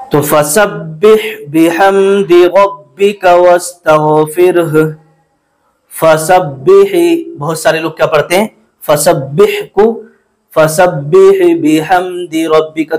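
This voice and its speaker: Male recitation teacher, slightly high voice, unhurried pace, chants verses melodically between corrections. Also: poor audio. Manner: slow and deliberate, repeats words to correct pronunciation. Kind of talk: explaining and demonstrating recitation.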